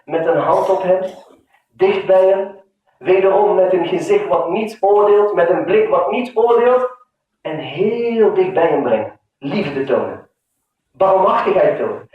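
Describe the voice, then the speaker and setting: A man preaching with strong emotion, his voice rising and dropping to a hush, with Arabic phrases woven into his talk. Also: high-pitched, muffled recording. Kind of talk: sermon. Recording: very echoey hall, mic far off.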